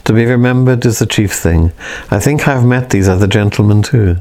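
Calm mysterious young stranger, man reading him, low voice, slow and solemn. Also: natural voice. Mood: serene.

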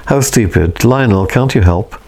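A man reading the lines of a flustered, excitable young woman, quick and eager. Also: fairly low pitch.

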